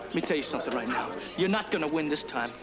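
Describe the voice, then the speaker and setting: An actor playing a combative, sneering young developer in a 1980s daytime soap. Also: male voice, fairly high pitch, lively intonation, quick pace, lightly acted. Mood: hostile. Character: brash scheming young male developer. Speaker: land developer in a soap opera. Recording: loud music under the dialogue.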